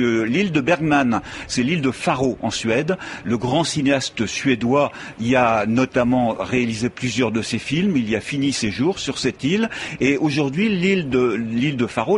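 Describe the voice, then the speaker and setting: Male correspondent, hesitant live film report, mid-pitched voice. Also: slight background noise. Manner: hesitant, frequent fillers. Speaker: festival correspondent. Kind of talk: live news report, conversational.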